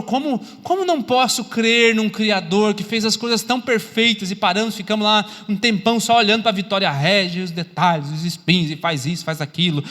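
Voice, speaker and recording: High-voiced Brazilian pastor in a reverberant church. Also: male voice. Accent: Brazilian Portuguese. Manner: conversational preaching, addresses listeners as "querido"; drops to soft hushed voice for God whispering. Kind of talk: sermon. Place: church hall. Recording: long church-hall reverb.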